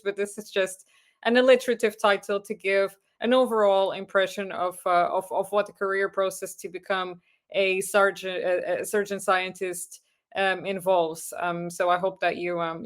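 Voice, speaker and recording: A Portuguese neurosurgery registrar and lecturer in her thirties gives a webinar talk in English with a Portuguese accent. Her mid-range voice is earnest but hesitant, often pausing on fillers and restarting phrases.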